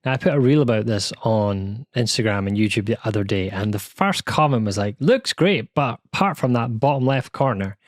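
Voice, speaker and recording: A British man from the UK speaks in a fairly low voice at a brisk clip with hardly any pauses, recorded dry with studio quality. He hosts a quilting channel and chats casually from his home sewing room, self-deprecating and full of asides and restarts.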